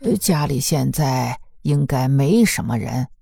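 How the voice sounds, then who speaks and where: A gossipy old village grandmother, put on by a male narrator in an audiobook, drawling her words out at a slow, unhurried pace. Her voice is creaky and husky, pitched up high from his own, with a dark, mellow tone. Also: lively intonation, no room sound, clean studio sound, soft background music, exaggerated voice. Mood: dismissive. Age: over 60. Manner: drawn-out, gossipy, matter-of-fact. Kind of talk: audiobook character voice.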